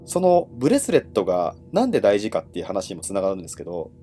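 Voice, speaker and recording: A man telling ghost stories as a livestream host in casual, conversational speech, with dramatic pauses and phrase endings that trail off. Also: lowish voice, wildly swooping pitch, warm tone, soft background music. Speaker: horror storyteller and host.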